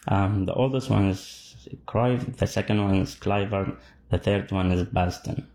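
A man's voice: on the low side, measured pace, a little mellow. A man from Iraq whose first language is Arabic, answering interview questions at home in short, casual replies full of fillers. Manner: short answers, many fillers, laughs easily. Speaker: interviewee, football fan. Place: his home.

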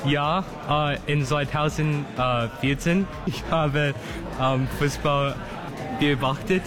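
Slow, halting young man, noisy crowd. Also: a little high, fairly even intonation. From Hong Kong. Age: young adult. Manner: slow, halting with many fillers. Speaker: student interviewee. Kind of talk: casual interview answers in learner German. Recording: loud crowd and music behind.

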